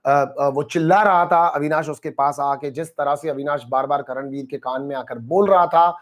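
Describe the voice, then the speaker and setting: A man's voice: a little high, moderate pace. A man hosting a casual live stream, reading viewer comments and talking over a reality show while mixing in English phrases. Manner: animated, mixes Hindi with English phrases, addresses chat by name.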